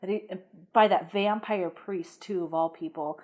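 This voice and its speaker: A woman co-hosting a podcast, chatting casually and retelling film scenes in an animated way. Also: lowish voice, unhurried. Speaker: podcast co-host. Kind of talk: casual chat about a horror film.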